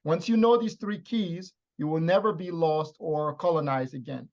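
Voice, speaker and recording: A man's voice: on the high side, moderate pace, muffled recording. A man from Liberia teaching in a lecture style, stressing his points with repeated phrases. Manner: emphatic, repetitive teaching phrases.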